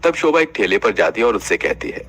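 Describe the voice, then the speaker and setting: A man narrating an animated family story in steady scripted storytelling. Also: fairly low pitch, fairly quick, husky.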